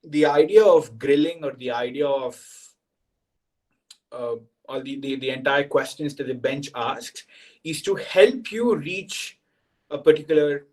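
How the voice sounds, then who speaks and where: A senior student, a young man whose voice sits on the high side, walks newcomers through orientation on a video call. He keeps asking "right?" to check they're following, and the recording is rough.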